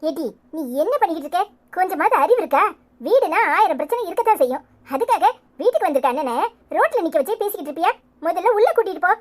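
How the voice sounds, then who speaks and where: A woman voicing a brisk, bossy village housewife in a Tamil cartoon, chiding the family with a Tirunelveli accent. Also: extremely high pitch, animated. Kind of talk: cartoon voice acting.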